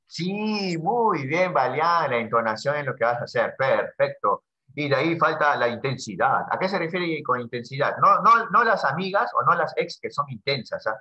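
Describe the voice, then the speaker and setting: Over dull lo-fi audio, a Peruvian teacher chats and jokes through a casual lesson with a student, ending sentences with small questions in his Peruvian Spanish accent. He speaks at a moderate pace in a slightly high, sing-song voice with a sharp edge.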